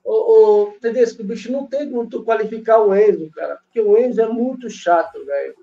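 High-voiced man calling in on a phone held too far away, muffled lo-fi sound, rambling football talk. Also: brisk, gravelly. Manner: rambling, fills talk with "cara" and "né". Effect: phone held away from the mouth, echoey. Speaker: football talk show panelist. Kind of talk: casual heated football chat. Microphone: phone on a remote call. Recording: dull lo-fi phone audio, faint music.

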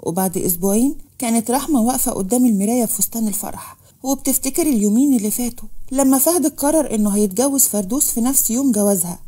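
A woman with an Egyptian accent narrating a story in a brisk, plain way. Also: fairly high pitch, mellow, husky.

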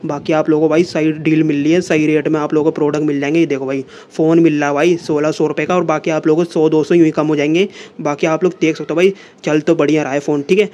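A young adult man vlogs casually into his phone camera, first in a small indoor room and then at a seller's home. His voice is a little high and a little mellow, with little pitch movement and a quick pace, and he chats away while repeating the same filler words again and again.

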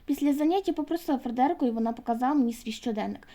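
High-voiced woman reading a children's book. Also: racing, warm tone. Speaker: audiobook reader.

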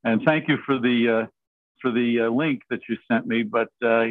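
A man's voice: medium pitch, normal speed, dry recording. A man hosting a meeting in jokey, rambling casual chat over a video call. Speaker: meeting host. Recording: tinny video-call audio.

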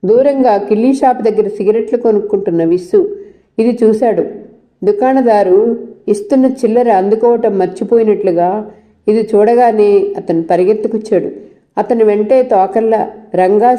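A woman storyteller reading a novel aloud in steady, scripted narration. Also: medium pitch, moderate pace.

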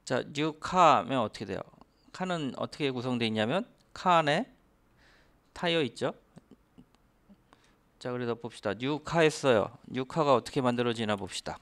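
A man's voice: mid-range voice, expressive, moderate pace, pauses often, fairly bright tone. A man teaching a programming class step by step, asking the listener rhetorical questions as he explains. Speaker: programming instructor. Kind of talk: screen-recorded coding lecture.

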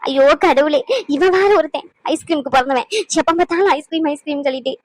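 A woman's voice: high voice, no room sound, close to an everyday voice. Woman doing a whiny aggrieved grandmother. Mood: self-pitying. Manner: whiny, complaining, drawn-out sobbing speech. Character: aggrieved grandmother, self-pitying and tearful.

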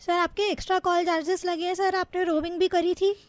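A woman's voice: very high-pitched, level tone, brisk, no echo. A woman posing as a phone company agent on a prank call, overly polite and formal, calling the listener sir over and over.

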